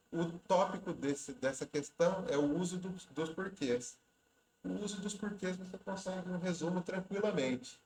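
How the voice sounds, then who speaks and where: A man explains exam questions step by step in an easygoing lesson voice. He restarts phrases as he thinks aloud. The room around him adds a clear echo. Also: fairly high pitch. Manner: conversational, repeats and restarts words while explaining. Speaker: exam prep teacher.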